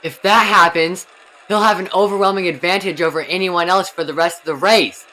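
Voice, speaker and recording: Man acting an earnest young anime racer, bright voice. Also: high voice, fairly even intonation, a little fast, poor audio. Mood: earnest, concerned. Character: earnest young male horse racer sizing up rivals. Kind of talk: overacted anime fan dub.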